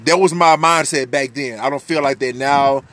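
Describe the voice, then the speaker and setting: A US man in his twenties with a deep, fairly bright voice talks at normal speed in a personal podcast monologue. As host, he speaks candidly and loosely, swearing freely and restarting sentences.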